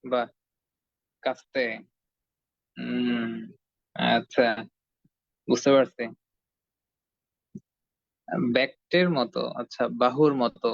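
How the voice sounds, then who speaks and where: A man teaching Quran reading online, patiently repeating phrases and drilling syllables slowly with his students. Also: medium pitch, fairly even intonation, vocal fry, dry recording. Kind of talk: online Arabic letter lesson. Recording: dull dry lo-fi sound.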